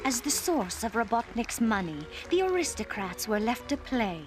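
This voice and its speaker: A woman voicing a solemn royal mother in a 1990s cartoon, narrating slowly and gravely. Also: fairly high pitch, big pitch swings. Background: cartoon score music.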